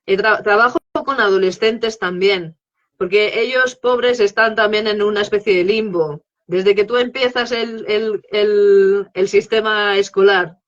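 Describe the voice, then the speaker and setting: A woman's voice: medium pitch, fairly even intonation, a little slow, muffled recording. A woman, a guest expert on English teaching, explaining her method in a live interview and checking in often with tag questions.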